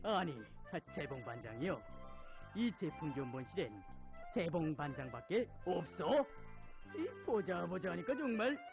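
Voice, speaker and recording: An actor with a North Korean accent playing a fussy, comically grumbling factory team leader in a drama. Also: male voice, fairly high pitch, big pitch swings, a little slow, gravelly, exaggerated voice. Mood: blustering, annoyed. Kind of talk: North Korean film or stage drama acting. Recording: dull audio, loud music behind.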